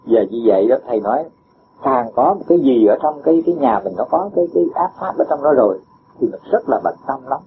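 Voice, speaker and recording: A male Buddhist teacher with a mid-range voice talks fast and with lively intonation. Responding to a disciple, he patiently explains the dharma using homely illustrations and chuckles frequently, captured on a dull lo-fi recording with faint hiss.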